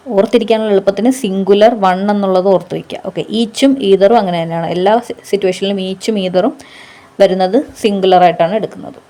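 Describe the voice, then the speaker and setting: A woman gives a patient grammar lesson in a warm, mellow voice. Her pitch sits in a middle range, neither high nor low. She keeps posing quick questions to her students and answering them herself, with a steady "okay" between points. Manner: patient, explains with rhetorical questions and frequent "okay". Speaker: exam coaching teacher.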